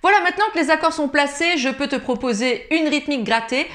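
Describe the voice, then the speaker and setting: A woman calmly explaining ukulele chords and strumming step by step in a tutorial. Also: high-pitched, fast, soft background music. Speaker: ukulele teacher.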